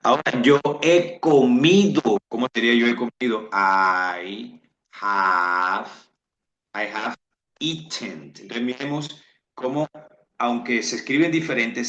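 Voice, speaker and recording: A male English teacher, giving a bilingual lesson and slowly repeating example sentences aloud. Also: fairly low pitch, sharp tone. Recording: roomy, dull lo-fi sound.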